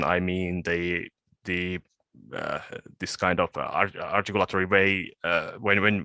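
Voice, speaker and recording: Halting low-voiced man presenting research. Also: pushed and bright, dry recording. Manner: halting, with frequent word repeats and restarts. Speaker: conference presenter. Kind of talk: academic conference presentation.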